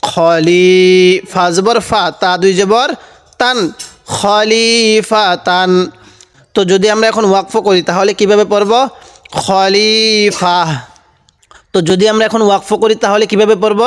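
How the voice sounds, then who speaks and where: High, smooth-voiced Quran teacher, man. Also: fairly even intonation, in a large hall. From Bangladesh. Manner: patient, spells out syllables and repeats words slowly; asks the viewer questions, then answers them himself. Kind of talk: step-by-step spelling lesson.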